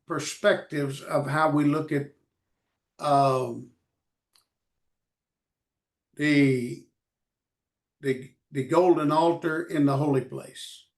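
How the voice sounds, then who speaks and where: A man teaching a Bible study in short phrases, pausing for an interpreter, halting with many fillers. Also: a little high.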